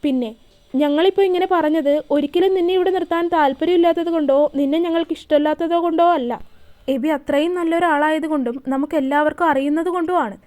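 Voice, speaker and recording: A woman's voice: sits high, steady tone, fast talker, darkish tone, close to an everyday voice. A woman voicing an earnest young man, reassuring and sincere in his advice. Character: earnest young man, caring elder brother figure.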